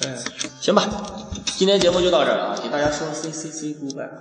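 A man's voice: a little high, animated, fast talker. A young man, hosting a casual chat in a joking, teasing manner. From Guanzhong, Shaanxi, China. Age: young adult. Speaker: host of a student audio show. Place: small empty classroom, indoors. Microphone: basic recording equipment. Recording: echoey reverberant classroom. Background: loud background music.

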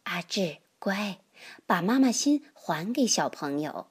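A woman voicing a kind, patient teacher in a storybook, speaking softly and coaxingly. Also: mid-range voice, lively intonation, moderate pace, natural voice. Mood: gentle. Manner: soft, coaxing.

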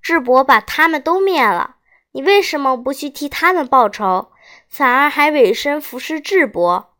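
A woman voicing a male lord who is stern yet magnanimous, speaking in a measured, grave manner. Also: sits high, lively intonation, a bit bright.

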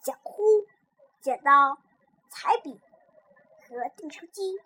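A woman reading a children's story aloud in a lively, expressive way. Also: sits high, slow.

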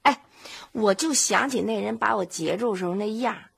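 An actress playing an excitable, easily duped middle-aged mother in a family sitcom, complaining dramatically. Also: medium pitch, moderate pace, gravelly, breathy edge, exaggerated voice. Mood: sulky. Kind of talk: sitcom acting.

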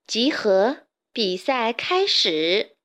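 A woman's voice: a little high, expressive, slow pace, fairly bright tone. A woman voicing a vain, bossy hen queen in a children's storybook, with a haughty, commanding manner. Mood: excited, fussy.

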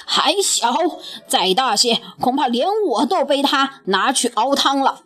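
A woman voicing a proud, hot-tempered male dragon king in a storybook tale, shouting accusations. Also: high voice, lively intonation, measured pace, exaggerated voice. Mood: furious.

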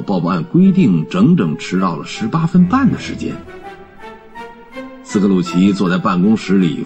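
A man reading a storybook aloud as narrator, in an expressive, gentle telling. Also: on the low side.

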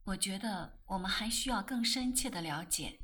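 A woman doing a calm, sighing grown man. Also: slight background noise, natural voice. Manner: low-key and measured, sighing. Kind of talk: audiobook character voice.

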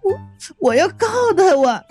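Squeaky weepy young girl, snappy comebacks, way high and wobbly, comic audiobook. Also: lively intonation, brisk, a little mellow, faint music behind. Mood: tearful. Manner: tearful, snappy retorts. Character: weepy young woman, indignant and sharp-tongued.

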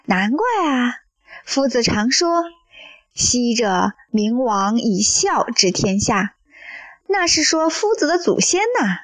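A woman's voice: a little high, big pitch swings, takes it slowly, no room sound, exaggerated voice. A woman reading the part of a curious young male disciple in an audio story, asking questions.

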